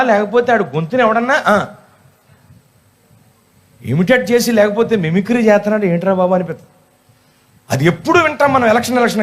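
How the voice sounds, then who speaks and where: High-voiced man preaching with teasing humor. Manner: animated and humorous, teasing rhetorical questions. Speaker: pastor. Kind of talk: sermon.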